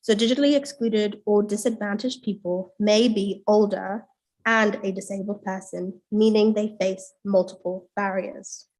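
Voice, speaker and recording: A woman's voice: medium pitch, steady tone, moderate pace, darkish tone, rough recording. A woman with a cold and a nasal voice, presenting research findings in a friendly way, with filler ums. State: has a cold. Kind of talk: presentation talk.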